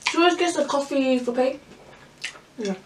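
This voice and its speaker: A woman's voice: high-pitched, normal speed. A young woman chatting casually while eating on camera, with her mouth full. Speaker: mukbang co-host. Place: bedroom. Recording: echoey room, mic at a distance, faint noise.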